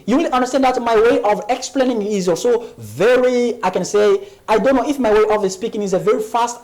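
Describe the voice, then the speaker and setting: Woman teaching English on TV, lively pitch. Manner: explains in French, repeats English examples slowly, asks "Ok?". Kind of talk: televised language lesson.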